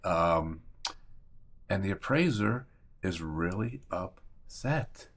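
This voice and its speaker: A deep-voiced man in his fifties from Maryland tells a story straight to the camera. His talk is loose and conversational, with mild cursing and bits of remembered dialogue acted out along the way. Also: expressive, slow. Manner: conversational, mildly profane, acts out remembered dialogue. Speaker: real estate agent and attorney. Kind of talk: casual personal storytelling to camera.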